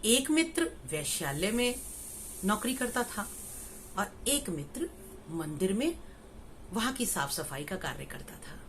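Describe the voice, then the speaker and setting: A woman's voice: mid-range voice, sing-song, measured pace, pauses often, slight background noise. A middle-aged woman, a spiritual teacher, explains scripture with homely examples and rhetorical questions. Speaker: Gita teacher and spiritual life coach. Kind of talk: slow spiritual discourse on scripture.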